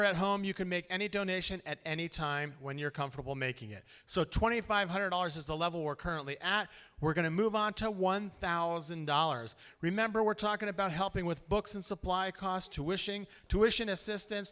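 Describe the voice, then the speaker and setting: A man emceeing a live charity auction, calling levels of giving and paddle numbers with lots of energy. His voice is high and bright with a smooth, crisp edge. It rings out with the long reverb of a large event hall. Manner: energetic, rattles off bid numbers in a rapid auctioneer chant.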